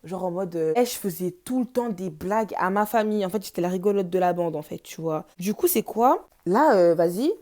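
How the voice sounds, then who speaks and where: A woman's voice: on the low side, lively intonation, fairly quick, few pauses, warm tone. Young woman telling a slangy storytime. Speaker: vlogger. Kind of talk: casual storytime. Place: home, noisy household.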